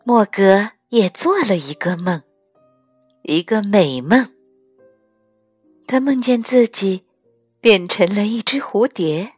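A woman reading a picture book aloud to a child, taking it slowly and letting her voice swing up and down. The sound is dry and close, with soft music far underneath. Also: medium pitch, husky, no room sound. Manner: slow and expressive, acting out every character.

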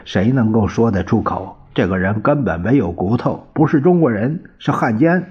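A man voicing a calm, placating governor. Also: medium pitch, breathy edge. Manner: measured, placating. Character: composed middle-aged male provincial governor. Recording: dull lo-fi recording.

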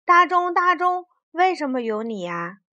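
A woman's voice: very high voice, big pitch swings, unhurried, sharp tone, no room sound, dull audio, voice pushed up, exaggerated voice. A woman voicing a small, curious boy in a children's story, asking questions in a childlike way.

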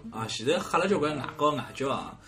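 A man with a Shanghainese accent hosts a podcast, chatting casually and telling stories in a lively, joking way. His voice is a little high and he talks fast, with faint music in the background.

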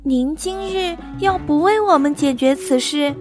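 A woman voicing a young palace concubine who flatters and pleads in a whiny way. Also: high-pitched, a little slow, faint music behind. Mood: pleading. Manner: wheedling, pleading.

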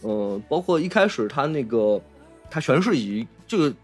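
With faint music in the background, a podcast host speaks in a sing-song, medium-pitched voice at a moderate pace. His Mainland Chinese Mandarin accent comes through as he chats casually about films, explaining and reworking his points along the way.

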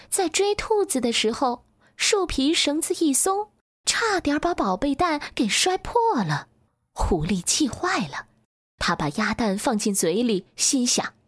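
A woman reading a children's bedtime story aloud in a slow, gentle storytelling manner. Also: on the high side, no room sound, studio quality.

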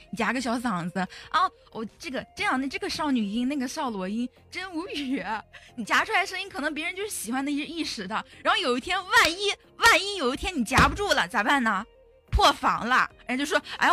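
Woman debater, quick and bright, peppering rhetorical questions over voice chat. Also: high voice. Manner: exasperated, rapid rhetorical questions. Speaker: debater, opposing side. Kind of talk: online voice-room debate.

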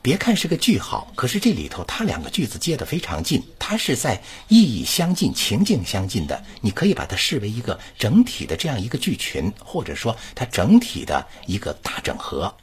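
A man with a breathy edge to his voice coaches recitation through online voice chat, talking briskly with hardly any pauses. He reads sample lines with huge, wide pitch swings and points out where each stress lands.

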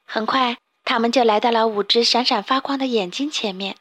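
Brief: woman narrating a kids' story, gentle and expressive, fairly high pitch. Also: fairly quick, no room sound.

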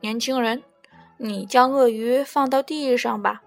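A woman voicing a wise old male heron in a storybook, calmly questioning like a judge. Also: a little high, a little slow, creaky, soft background music. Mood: earnest. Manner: calm, earnest questioning. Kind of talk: storybook character voice.

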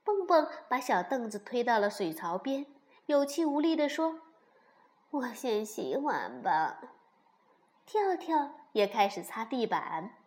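A woman narrating a children's story in a gentle, expressive way. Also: sits high, normal speed.

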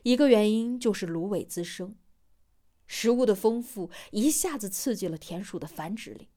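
A woman narrating a novel as an audiobook in measured storytelling style, giving voice to every character. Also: mid-range voice, lively intonation, dark tone.

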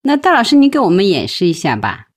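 A woman's voice: medium pitch, huge pitch swings, fast talker. A woman co-hosting a talk show who keeps asking curious, chatty questions. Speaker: co-host. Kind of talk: casual chat asking questions.

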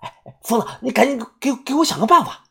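A woman voicing a brash, crude, excitable young treasure digger in an audiobook, talking loud and whiny. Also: on the high side, fast, gravelly, breathy edge, pitched above the performer's own voice, heavily acted. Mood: frightened. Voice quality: coarse, swearing. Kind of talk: audiobook character voice.

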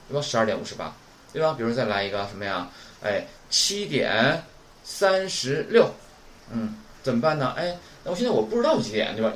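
Guy teaching japanese, lots of "right?" questions, echoey room. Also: mid-range voice. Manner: keeps asking rhetorical questions; models pronunciation slowly and clearly. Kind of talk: recorded online lesson. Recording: roomy with faint background noise.

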